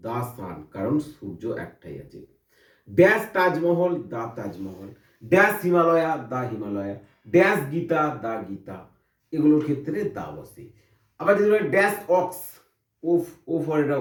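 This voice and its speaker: A man's voice: fairly high pitch, roomy sound, far from the mic. A man teaching an English grammar lesson, explaining step by step and asking and answering his own questions.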